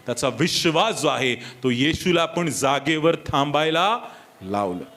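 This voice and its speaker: Bright, high-voiced man preaching. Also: lively intonation, unhurried. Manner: emphatic, with rhetorical questions and repeated reminders to the listeners; switches briefly into English for key points. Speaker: pastor. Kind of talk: sermon. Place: church service.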